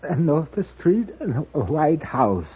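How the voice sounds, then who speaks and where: An actor playing a frail, beaten old shopkeeper who speaks in halting, broken phrases, in a 1950s radio drama. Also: male voice, on the high side, very animated, breathy edge, full character voice. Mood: pleading. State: weak and shaken. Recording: tinny old radio broadcast.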